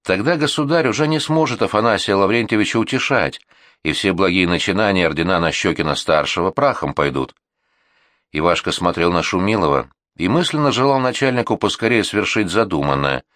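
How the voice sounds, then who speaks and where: A man narrating a historical novel as an audiobook with expressive, varied intonation. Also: low-pitched, fairly quick, no echo, clean studio sound. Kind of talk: scripted narration.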